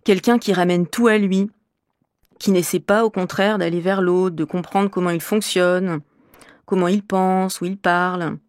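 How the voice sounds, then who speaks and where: Her voice is fairly low and steady, unhurried and natural, with no room sound. Composed throughout, a woman portrays a middle-aged French teacher from Normandy, France, curious and well-travelled, giving articulate, explanatory answers to interview questions for a language course.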